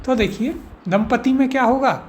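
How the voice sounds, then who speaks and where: With a very high-pitched voice at a moderate pace, a Hindi teacher from India covers spelling for an exam course. He handles one word at a time, raising rhetorical questions before supplying each answer.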